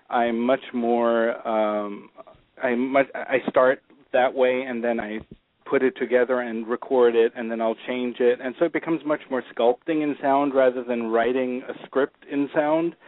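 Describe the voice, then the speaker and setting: A man's voice: mid-range voice, dry recording. A man from Germany, a film composer giving a hesitant, thoughtful radio interview full of restarts. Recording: tinny phone-like radio audio.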